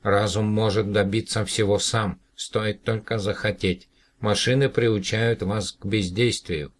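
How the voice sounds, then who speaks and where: A small green alien from another planet, thoughtful and patient, as a man reads him. He speaks in a lifted, somewhat husky register and lays out his ideas earnestly in this storybook. The tone stays mild. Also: fairly low pitch, fairly even intonation, measured pace, voice pushed up.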